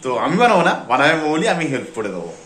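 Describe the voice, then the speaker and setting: A man's voice: a little high, big pitch swings, racing, fairly bright tone. A man from West Bengal, India, chatting casually to viewers as he vlogs at home. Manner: chatty, talking straight to viewers. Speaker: family vlogger. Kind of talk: casual vlog narration. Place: family home. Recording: echoey home room, faint background noise.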